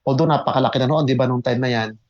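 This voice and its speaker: Excitable man telling his story, lo-fi audio. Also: medium pitch, rapid-fire. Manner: excitable, mixes Tagalog and English, repeats words for emphasis. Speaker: network marketing mentor. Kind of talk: motivational testimony to an online audience.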